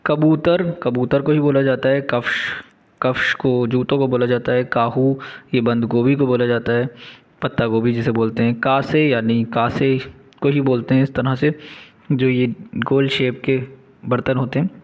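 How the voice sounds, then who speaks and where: A man's voice: mid-range voice, flat delivery. Man teaching vocabulary, dull lo-fi audio. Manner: explains words slowly, pauses with fillers. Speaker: language teacher. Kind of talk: vocabulary lesson.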